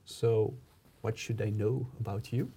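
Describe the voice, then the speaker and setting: A man's voice: fairly low pitch, fairly even intonation, unhurried, mellow, husky. A man hosting a casual podcast in English, chatting in a friendly way with frequent ums and uhs. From Belgium. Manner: friendly, hesitant with fillers. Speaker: podcast host.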